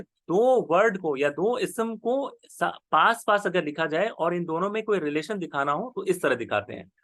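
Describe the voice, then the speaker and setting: A man's voice: sits high, fairly bright tone, no room sound. A male teacher giving an online grammar lesson, explaining patiently step by step and repeating key terms.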